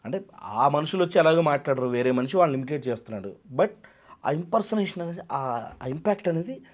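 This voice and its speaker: A man's voice: fairly high pitch, animated, quick pace. A man, a mimicry artist, chatting casually in an interview and dropping in English phrases. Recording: slightly dull lo-fi sound.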